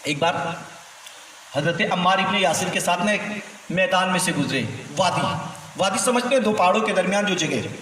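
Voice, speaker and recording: A man preaching a sermon, telling stories in an animated way and acting out the dialogue. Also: high-pitched. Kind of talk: sermon storytelling. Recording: echoey hall from far off, faint noise.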